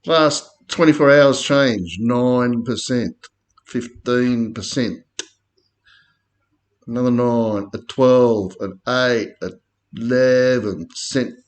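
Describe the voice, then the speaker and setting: A man with an Australian accent talks through trading charts in a loose, rambling way, full of slang and fillers. He takes his time, drawling his words out slowly at a mid-range pitch. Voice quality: laid-back, slangy, rambling. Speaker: crypto chart commentator. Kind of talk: casual chart commentary.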